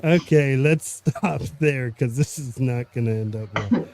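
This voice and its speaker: A man with a French Canadian accent hosting a casual, unscripted live stream, halting and pausing mid-sentence. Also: mid-range voice, a crowd in the background. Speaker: host of a music community live stream.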